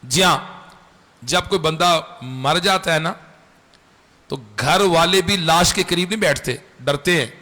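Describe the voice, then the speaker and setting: A man preaching an impassioned sermon in a mosque, repeating phrases for emphasis and bursting into shouts. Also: a little high, slow, pauses often. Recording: echoey hall with long reverb.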